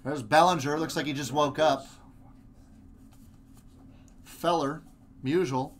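A man hosting a live card break, reading player names in quick lists with chatty asides. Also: a little high, steady tone, slight background noise. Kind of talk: live group break commentary.

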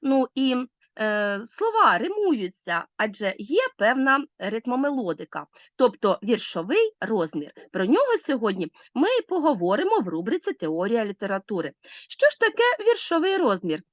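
Lively Ukrainian woman teaching a class. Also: a little high, normal speed, no room sound, lo-fi sound. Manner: explains step by step, addresses pupils directly. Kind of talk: literature lesson.

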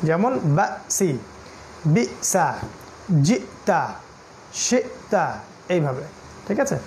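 A man with a Bangladeshi accent leads a recorded recitation class. His voice sits high for a man, and he breaks words into slow syllables and repeats them patiently. A faint hiss runs under the recording. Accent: Bangladeshi Bengali. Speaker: Quran recitation teacher.

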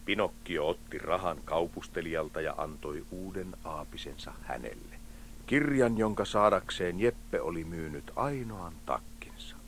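Expressive male storybook narrator. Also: sits low, noisy background. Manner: expressive, dramatic, dropping to hushed tones.

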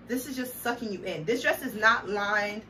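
A woman's voice: medium pitch, moderate pace, sharp tone. A young woman vlogging a clothing try-on haul, sassy and playful, hyping each outfit. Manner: sassy, playful, sings snippets and hypes outfits. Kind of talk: casual try-on haul chat. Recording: distant mic with audible background noise.

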